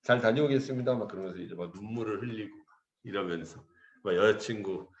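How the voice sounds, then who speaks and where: A man in his forties, an English teacher, casually telling a story to his students in an animated, joking way and acting out the voices he quotes. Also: sits low, brisk, roomy sound, lo-fi sound.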